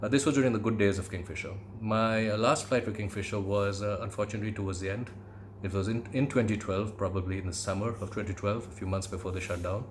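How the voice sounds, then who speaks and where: A middle-aged man from India with an educated Indian English accent, reminiscing in a conversational monologue with measured, hesitant phrasing. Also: fairly low pitch, steady tone, a little hiss or hum. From Calcutta, India. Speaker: podcast host, aviation commentator.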